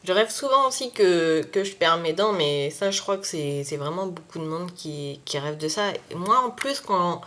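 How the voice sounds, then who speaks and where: A young woman vlogging in casual chat, hesitant and full of fillers, often trailing off quietly at the end of her phrases. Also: lowish voice, expressive, moderate pace, few pauses. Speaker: YouTube vlogger.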